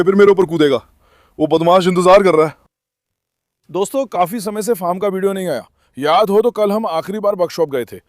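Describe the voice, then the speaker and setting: Guy with a pretty high voice doing a farm vlog outside, super dry sound, keeps calling the animals his kids. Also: no room sound. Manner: talks fondly to animals as children. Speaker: farm vlogger. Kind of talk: casual vlog narration. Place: outdoors on a farm.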